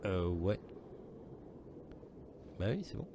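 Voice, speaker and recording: A man's voice: sits low, big pitch swings, takes it slowly, background noise. A man running an online tabletop game as game master, casual and teasing, swearing freely. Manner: casual, swears, teases players.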